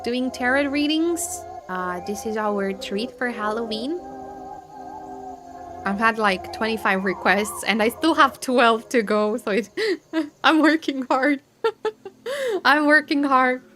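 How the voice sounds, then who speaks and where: High-pitched woman chatting on a tarot stream, giggly, takes her time, music playing behind. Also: animated, slow pace. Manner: giggly, chatty, greets chat warmly. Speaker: live streamer doing tarot card readings. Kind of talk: casual live-stream chat with viewers. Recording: background music under the voice.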